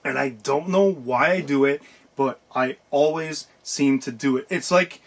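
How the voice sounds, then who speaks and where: A man co-hosting a casual podcast chat, talking in a rambling, animated way with lots of fillers and restarts. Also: medium pitch, measured pace. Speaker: podcast co-host.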